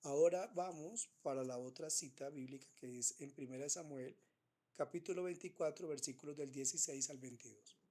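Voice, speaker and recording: A man giving an unscripted Bible teaching, pausing often with fillers and restarting his phrases. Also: fairly high pitch, dark tone. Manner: hesitant, many fillers and restarts.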